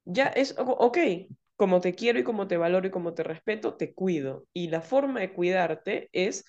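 A woman therapist with a lowish voice talks at a normal speed over lo-fi sound. In a casual podcast conversation she explains ideas, often acting out quoted dialogue in lively voices.

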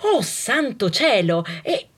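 A woman singer, delivering a theatrical, animated comic monologue. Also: a little high, takes it slowly, slightly rough, soft background music.

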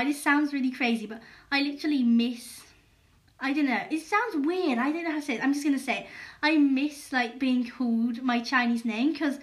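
A woman's voice: on the high side, fairly bright tone. Candid woman hosting a podcast. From England. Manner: candid, hesitant, lots of fillers and restarts. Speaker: podcast host. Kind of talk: personal podcast monologue.

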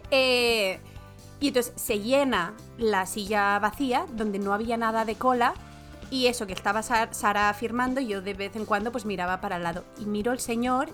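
A woman co-hosting a chat show, telling a story in a relaxed, casual way and acting out the voices of the people in it. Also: on the high side, moderate pace, soft background music. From Barcelona. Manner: animated anecdote-telling, acts out quoted voices. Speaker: podcast co-host, translator.

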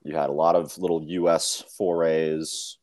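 A man's voice: very deep voice, level tone, normal speed, a little mellow, dry recording, studio quality. A young man co-hosting a casual podcast, chatting about history and joking with his co-host. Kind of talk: casual chat.

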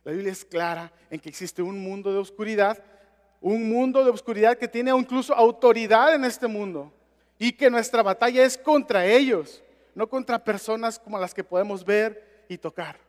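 A man's voice: high-pitched, normal speed. A male pastor telling a story in a sermon, talking conversationally and addressing listeners directly. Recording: long reverb of a large hall.

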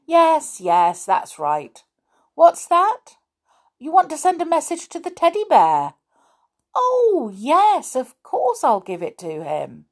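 A big naughty doll, bossy and smug, teases the other toys in a high voice that swoops up and down, as a woman storyteller puts her on. She talks grandly and slowly, like a spoiled storybook girl. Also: huge pitch swings, exaggerated voice. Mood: phoning grandly.

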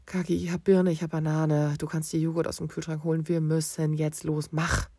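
A man voicing a hurried but patient father who explains things loudly and firmly. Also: fairly high pitch, creaky, husky, dry recording. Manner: loud, insistent, calm explaining under time pressure.

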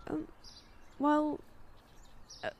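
A woman playing a frightened, wary young woman in danger in a horror audio drama, speaking hesitantly. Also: muffled recording. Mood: uneasy. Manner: hesitant, halting.

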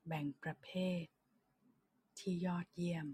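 A woman leading a slow guided body-scan meditation for sleep in a soft, breathy, near-whispering voice, soothing and unhurried, speaking in short phrases with long pauses. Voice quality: soft, breathy voice that often slips toward a whisper. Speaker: guided relaxation leader.

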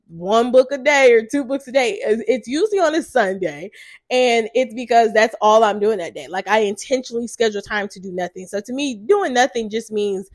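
A woman's voice: on the high side, no echo. Stuffy-nosed chatty woman podcaster. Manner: chatty, says "like" a lot. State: congested, stuffy nose. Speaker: podcast host. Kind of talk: casual solo podcast chat.

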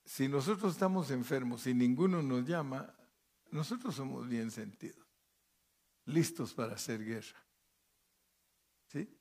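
A male pastor delivers a sermon at a slow, deliberate pace, his voice sitting at an ordinary middle pitch. He reads Bible passages aloud, stops to explain them, and keeps turning to his congregation with quick questions to make sure they follow. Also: darkish tone, husky. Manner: checks in with listeners by asking "¿sí?" and "¿verdad?"; reads scripture aloud and comments between verses.

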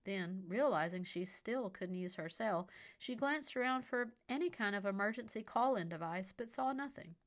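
A woman reading a short story aloud in a measured, expressive scripted narration. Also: mid-range voice.

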